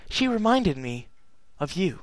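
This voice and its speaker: A regal immortal pony princess, sorrowful and solemn, put on by a male reader. Her voice sits noticeably above his usual register and stays earnest and measured. The sound is dry and close. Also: high-pitched, very animated, dry recording, pitched above the performer's own voice. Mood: solemn, wistful. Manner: solemn, earnest letter-reading. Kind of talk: fan fiction reading.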